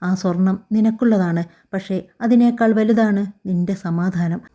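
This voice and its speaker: A woman's voice: mid-range voice, unhurried, mellow, natural voice. Woman voicing a tender caring mother. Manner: tender, reassuring. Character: caring older mother on the phone.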